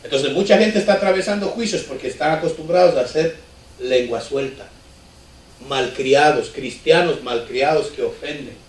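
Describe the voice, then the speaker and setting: A man's voice: a little high, normal speed. A male pastor preaching a sermon conversationally, often asking the congregation rhetorical questions. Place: church hall. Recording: echoey church from far off.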